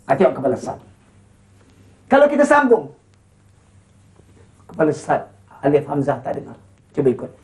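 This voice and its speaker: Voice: mid-range voice, sing-song, darkish tone. Malaysian Quran teacher chanting and quizzing. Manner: drawn-out chanted model recitation, then quick explaining; quizzing pupils with short questions. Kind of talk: classroom lesson with call-and-response.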